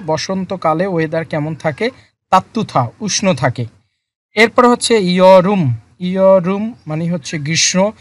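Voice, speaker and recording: A teacher explaining a textbook lesson in a slow word-by-word way, repeating each term with frequent fillers. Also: mid-range voice, no echo. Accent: Bangladeshi Bengali. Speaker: Korean language teacher. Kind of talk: lesson explaining vocabulary and grammar.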